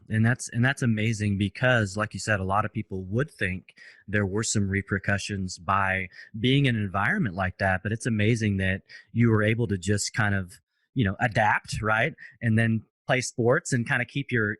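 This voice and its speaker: A man's voice: lowish voice, moderate pace, a bit bright, no echo. A man hosting a podcast, asking long, friendly, rambling questions. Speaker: podcast host. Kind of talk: casual interview questions.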